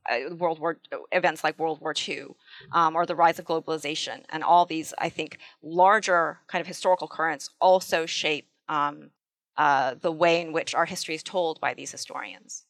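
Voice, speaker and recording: Bright-voiced woman historian, hesitant. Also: low-pitched, steady tone, normal speed, no echo. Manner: hesitant, many ums and repeated starts. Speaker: guest historian. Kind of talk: academic interview answers.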